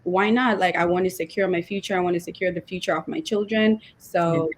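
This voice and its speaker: Twenty-something woman from zimbabwe, lower voice, lots of um and you know. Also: steady tone, a little fast. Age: 20s. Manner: hesitant, full of fillers and restarts. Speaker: guest entrepreneur. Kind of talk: casual interview talk.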